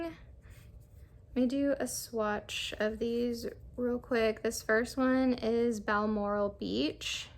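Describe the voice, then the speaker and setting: Young woman, beauty vlogger, casual rambling chat, gravelly fry, slightly high voice. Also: a little mellow. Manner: chatty, rambling, with many fillers. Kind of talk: casual makeup try-on chat.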